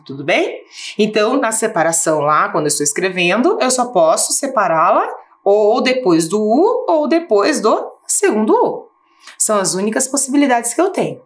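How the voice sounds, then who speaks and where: Lively Brazilian woman teaching children. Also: mid-range voice. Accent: Brazilian Portuguese. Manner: patient, rising question-and-answer tone, slows to spell out syllables. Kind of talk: recorded lesson for schoolchildren.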